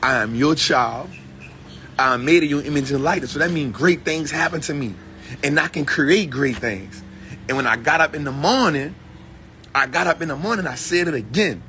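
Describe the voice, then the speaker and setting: A man's voice: a little high, moderate pace, pushed and bright, slight background noise. A middle-aged man giving a casual motivational talk to camera, repeating his lines for emphasis like a preacher. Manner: repetitive, emphatic, preacher-like phrasing. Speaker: vlogger and motivational speaker.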